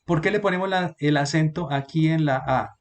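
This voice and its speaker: Fairly high male teacher. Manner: patient, repeats words slowly, asks students questions. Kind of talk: online class explanation.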